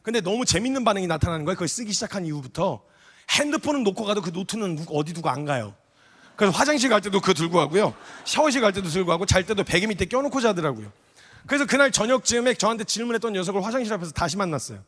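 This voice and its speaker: Man preaching, high-pitched voice, lively storytelling, church reverb. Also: racing. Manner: animated, acts out dialogue, questions the audience. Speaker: missionary preacher. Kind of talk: sermon with storytelling. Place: church hall.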